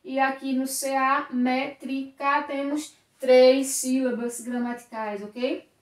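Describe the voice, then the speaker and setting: Woman teacher, high voice, patient step-by-step explainer, recorded from a distance in a roomy space. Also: flat delivery, slow pace. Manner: explains step by step, checks in with "tá bom?". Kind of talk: classroom lesson at a whiteboard. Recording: echoey room, voice from a distance.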